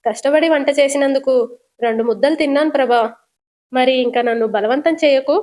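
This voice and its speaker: A woman's voice: sits high, a little fast, darkish tone, close to an everyday voice. Woman voicing a timid older husband. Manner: pleading, fretful. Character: elderly, timid, henpecked husband.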